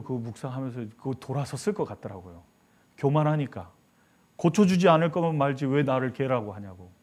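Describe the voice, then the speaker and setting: A male pastor preaching a sermon, telling a story with lively acted-out voices. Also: medium pitch. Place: church sanctuary.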